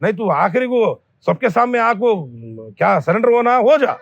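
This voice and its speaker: A man's voice: very high voice, moderate pace, creaky, highs cut off. A man giving an angry public warning to a businessman, scolding bluntly and repeating his threats. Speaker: local activist addressing a company owner.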